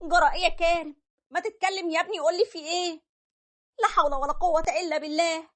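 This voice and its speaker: A woman doing a shrill distraught Egyptian mother. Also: steady tone, fast talker. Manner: shrill and pleading. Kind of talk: animated story voice acting.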